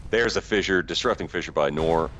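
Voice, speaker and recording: A man's voice: low-pitched, a little fast, background noise. A man giving casual, joking play-by-play commentary on a video game. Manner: joking, conversational. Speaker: esports commentator.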